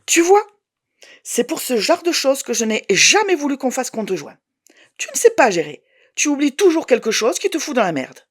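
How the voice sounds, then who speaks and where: A woman's voice: high voice, big pitch swings, moderate pace, pitched above the performer's own voice. A woman voicing a defensive, lecturing ex-partner man in an audiobook. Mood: reproachful. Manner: reproachful, condescending.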